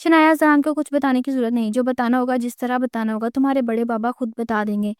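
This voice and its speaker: A woman voicing a stern middle-aged aunt in a family story, strict and hushing. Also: fairly high pitch, steady tone, clean tone, dry recording, clean studio sound, close to an everyday voice.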